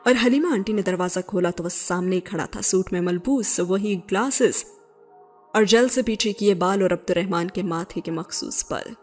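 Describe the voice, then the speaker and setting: A woman reading a serialized novel aloud in steady, measured storytelling. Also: medium pitch. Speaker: novel reader. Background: faint background music.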